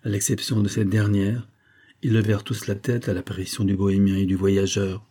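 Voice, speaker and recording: A man reading a classic novel aloud as audiobook narrator, steady and measured. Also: fairly low pitch. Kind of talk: scripted narration.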